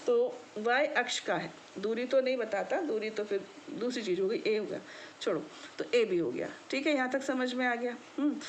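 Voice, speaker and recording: Slow, patient woman teaching maths. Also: fairly high pitch, slight background noise. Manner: patient, often checks if students understand; addresses students affectionately as child. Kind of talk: classroom explanation.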